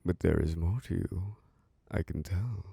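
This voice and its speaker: Here the castle host is a possessive, charming, ancient male vampire lord, played in an exaggerated voice by a man who sounds low and gravelly. Slow and seductive with soft chuckles, the ASMR roleplay has no echo.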